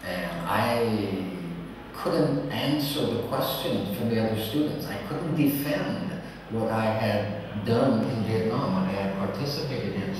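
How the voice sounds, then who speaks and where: Older veteran man, echoey distant hall. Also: lowish voice. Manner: reflective, plainspoken. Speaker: Vietnam veteran interviewee. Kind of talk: documentary interview recollection. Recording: very echoey hall, distant mic, crowd noise.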